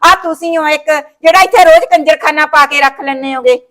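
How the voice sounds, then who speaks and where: Playing a sulking sister-in-law in a family short film, this woman complains indignantly and refuses everything she's offered, talking over anyone who objects. She has a Malwa Punjabi accent and a high, fairly bright voice, and she speaks at a quick pace.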